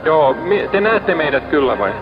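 A man answering a distress call over marine radio, calm and businesslike. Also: on the high side, fairly quick, over music. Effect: marine radio transmission. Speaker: radio operator of a rescuing ship. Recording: muffled archival marine radio recording.

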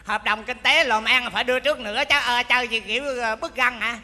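A man's voice: very high voice, fast, sharp tone. A man, playing a cheeky, grumbling hired mourner in a stage comedy sketch. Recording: stage recording in a reverberant hall.

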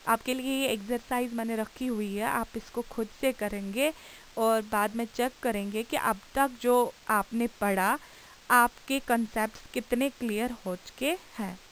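Teaching English grammar on video, a woman with an Indian accent takes each rule slowly and spells words out one letter at a time, regularly checking in with her students through quick questions. She sounds a little high and a bit bright, over slight background noise in a low-quality recording.

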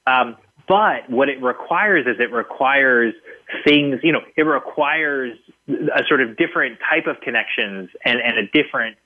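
The guest author in this interview speaks at medium pitch and a measured pace, and the call sounds tinny, like a phone line. He considers his answers carefully, often filling pauses and starting over.

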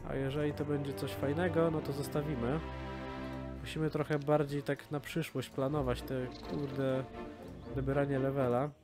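A man giving relaxed, casual gameplay commentary, musing aloud with wry asides. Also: mid-range voice. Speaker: let's play gamer. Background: game music.

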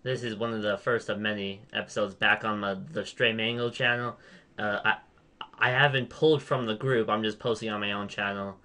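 A man's voice: fairly low pitch, fairly even intonation, normal speed, bright, forceful tone. A young man hosting a casual gaming chat, rambling, restarting his sentences and putting himself down. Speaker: channel host.

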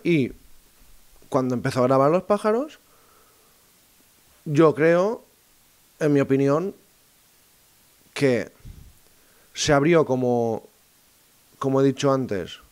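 A man talks in a casual monologue, speaking straight to his listeners and often pausing and restarting his phrases as he thinks aloud. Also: mid-range voice. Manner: addresses listeners directly. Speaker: host of a segment on psychophony.

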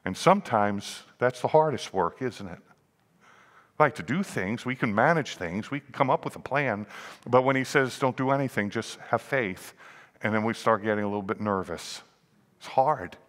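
A man's voice: lowish voice, lively intonation, normal speed, a bit bright, big-room sound. A man in his sixties, a pastor preaching a sermon, rising and dropping in volume and acting out the grumbling crowd. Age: 60s. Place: church sanctuary.

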